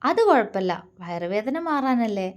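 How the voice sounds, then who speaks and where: A woman's voice: fairly high pitch, sing-song, normal speed. A woman voicing a tender, protective young man who coaxes and comforts his lover. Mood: coaxing. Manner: soft, affectionate, coaxing.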